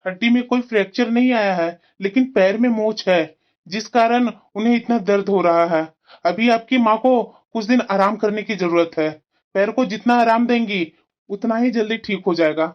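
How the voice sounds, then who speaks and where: A voice actor playing a calm male doctor in a cartoon, explaining a patient's care. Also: medium pitch, normal speed, lo-fi sound, natural voice. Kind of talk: cartoon voice acting.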